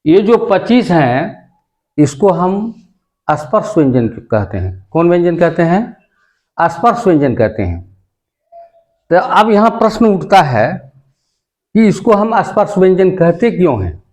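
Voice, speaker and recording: A man with a high, sing-song voice and a darkish tone gives a classroom-style grammar lesson. He speaks slowly and deliberately, repeating each point and quizzing his listeners with questions he then answers himself.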